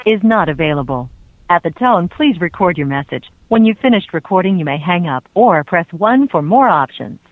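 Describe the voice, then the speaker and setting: A man playing an automated voicemail announcement over a phone line, in a flat recorded manner. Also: high voice, moderate pace, no room sound, pitched above the performer's own voice. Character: automated voice mail system.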